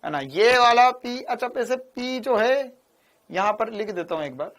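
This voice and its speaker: A man's voice: very high-pitched, expressive, unhurried, a bit bright. Playful male physics teacher, rhythmic repeats. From India. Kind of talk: classroom-style lecture.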